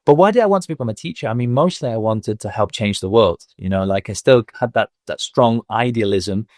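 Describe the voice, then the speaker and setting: A man's voice: on the low side, fairly quick, darkish tone, dry recording, studio quality. A man in his thirties from Manchester with a Mancunian accent, reflecting on his career as a podcast guest, with frequent fillers. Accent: Mancunian English. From England. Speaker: guest, school owner. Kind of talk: podcast interview.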